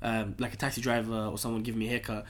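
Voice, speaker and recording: A young Londoner appears as a guest in a casual chat, racing through animated stories in a medium-pitched voice. He uses lots of slang and keeps tagging sentences with "right?"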